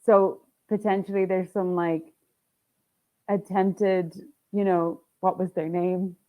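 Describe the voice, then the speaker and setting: A woman guesting on a casual chat, brainstorming story ideas in a quick, chatty way. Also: lowish voice, flat delivery, phone-quality sound. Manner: quick, chatty, laughs easily. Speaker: guest writer.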